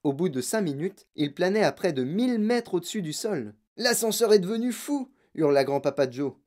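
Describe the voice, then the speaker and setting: An audiobook narrator reading a children's story in a measured, expressive way. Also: mid-range voice.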